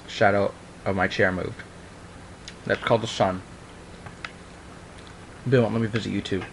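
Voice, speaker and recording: Reading a horror story aloud for his online videos, this young man turns the amateur dramatic reading into something casual, drifting into offhand remarks. His low, creaky voice stays fairly even and unhurried, and the home recording is noisy.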